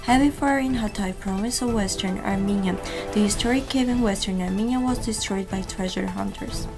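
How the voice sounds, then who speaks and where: A woman's voice: medium pitch, fairly quick, over music. Young woman reading the news. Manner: steady formal newsreading. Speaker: news presenter. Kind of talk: read news bulletin. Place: television news studio.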